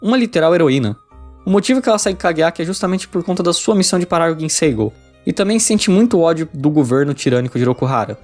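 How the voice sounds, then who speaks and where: A man with a Brazilian accent narrates a video essay, reading a casual, slangy scripted game review over background music. His voice is a little high, with lively intonation and a quick pace.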